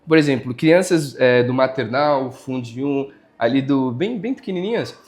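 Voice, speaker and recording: A man's voice: medium pitch, animated, moderate pace, darkish tone. A Brazilian male music teacher explaining his lessons in a casual school podcast interview, counting out examples as he goes.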